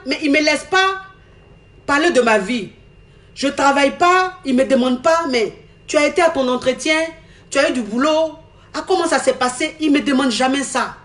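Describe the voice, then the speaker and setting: A young woman telling her own love story candidly. She talks in an animated way, repeats her lines and acts out what others said. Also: high voice. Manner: animated, repeats herself, acts out quoted talk. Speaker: woman giving a testimony.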